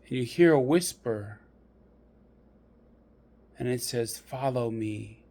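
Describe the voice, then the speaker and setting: A man guides a meditation in a deliberate, measured storytelling style, pausing often. His mid-range voice has lively intonation and a slightly mellow quality.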